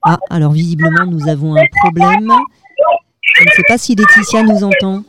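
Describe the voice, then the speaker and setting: A woman's voice: mid-range voice, huge pitch swings, normal speed, heavy background noise. A woman hosting a live school web radio show, patient and hesitant, with many fillers.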